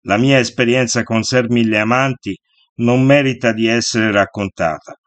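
A man reading a first-person novel aloud in a measured, unhurried way. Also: mid-range voice, steady tone, no room sound. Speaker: audiobook reader.

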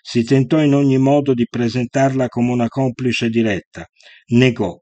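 A man giving a measured, scripted narration of a historical story. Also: mid-range voice, steady tone, mellow, no echo, highs cut off.

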